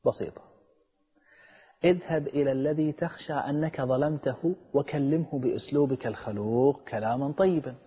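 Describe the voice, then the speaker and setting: Man, preacher, earnest dramatic storytelling, husky, dull lo-fi sound. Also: medium pitch, moderate pace. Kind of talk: sermon with storytelling. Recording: echoey and dull, long reverb.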